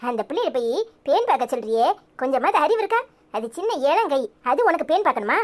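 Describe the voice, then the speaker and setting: A woman's voice: high voice, big pitch swings, fast. A woman voicing an outspoken village woman in a cartoon who lectures indignantly, with a Tirunelveli Tamil accent. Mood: scolding. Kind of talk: cartoon voice acting.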